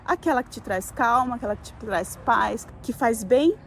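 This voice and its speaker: A woman's voice: on the high side, moderate pace, creaky, slight background noise. Brazilian woman giving a spiritual talk. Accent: Brazilian Portuguese. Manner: conversational, many fillers and tag questions, quotes herself in lively voices. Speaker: spiritual YouTuber. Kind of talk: casual spiritual talk to camera.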